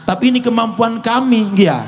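A man's voice: very high voice, a little fast. A middle-aged male preacher with an East Javanese accent, giving a humorous sermon and mixing joking asides with Arabic recitation. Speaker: Islamic preacher. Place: outdoor stadium gathering.

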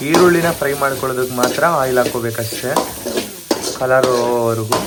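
A man's voice: mid-range voice, fast talker, heavy background noise. A man hosting a cooking vlog, talking viewers through each step in a home kitchen. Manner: chatty, keeps narrating steps to viewers. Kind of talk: casual chat to viewers. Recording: home kitchen with sizzling pan.

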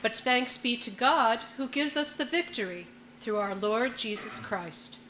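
A middle-aged woman reading scripture solemnly as lector, in short deliberate phrases, at a church lectern with echo. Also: a little high, expressive, sharp tone. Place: stone church interior. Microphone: gooseneck microphone at lectern. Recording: echoing church, faint background noise.

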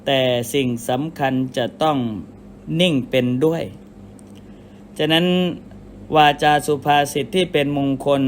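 A man, a Buddhist monk, giving a measured dharma sermon and explaining with everyday comparisons. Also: a little high, a little hiss or hum.

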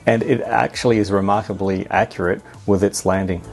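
Low gravelly Australian man reviewing. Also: fairly even intonation, fairly quick, music in the background. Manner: plain, matter-of-fact explaining. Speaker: drone reviewer. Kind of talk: product review voice-over.

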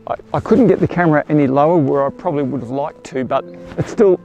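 An astrophotographer vlogger chats enthusiastically to camera, explaining his photography first outdoors in the bush at night and later at a bush camp in the morning. He talks fast in a slightly high, gravelly, warm voice, captured by a clip-on mic on a muffled recording with soft music behind.

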